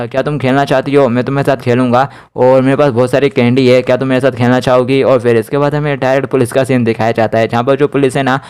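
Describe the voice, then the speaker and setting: Male recap narrator, quick even delivery, clean and smooth tone. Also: medium pitch. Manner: fast, even storytelling with repeated stock phrases. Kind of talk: Hindi anime recap narration with quoted dialogue.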